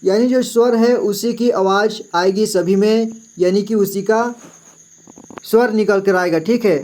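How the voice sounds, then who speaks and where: A man's voice: high-pitched, fairly even intonation, a little slow, darkish tone. A male teacher giving a patient, explanatory lesson who repeats each syllable several times and checks in with the listener often. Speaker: Hindi teacher.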